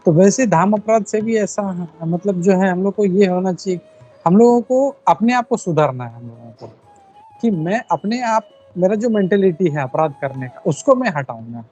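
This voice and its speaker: A man's voice: sits high, lively intonation, moderate pace, mellow, muffled recording, soft background music. Earnest man leading a scripture class. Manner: earnest, explanatory, repeats key points. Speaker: class leader. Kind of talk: devotional scripture class, Hindi mixed with English.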